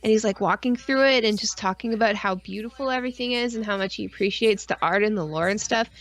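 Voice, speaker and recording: Speaking fast in a mid-range voice, this woman co-hosts a podcast stream in loose, rambling casual chat, saying "like" constantly and swearing mildly. The recording is rough.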